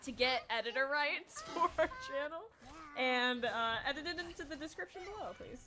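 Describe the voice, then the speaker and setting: A young woman chatting casually with friends during a game stream, with a squeaky voice and frequent laughter. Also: expressive, normal speed. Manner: high, squeaky-toned, laughs often. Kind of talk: casual chat while gaming.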